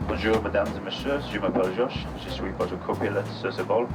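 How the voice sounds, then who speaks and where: A deep-voiced young man speaks French as a native English speaker with a Yorkshire accent. He reads a co-pilot's announcement haltingly, distant from the mic, with music behind. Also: steady tone. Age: young adult. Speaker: airline co-pilot. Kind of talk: halting scripted cabin announcement.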